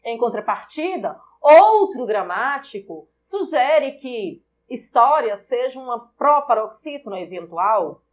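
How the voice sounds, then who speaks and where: A Brazilian woman teaching a recorded Portuguese grammar lesson, speaking deliberately and repeating example words to stress their syllables. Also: fairly high pitch, big pitch swings.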